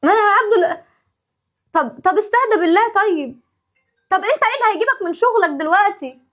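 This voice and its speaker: A woman with an Egyptian accent and a very high-pitched, animated, somewhat bright voice plays a put-upon young wife and mother in a home-video family sketch. She talks in rapid-fire bursts, exasperated and pleading.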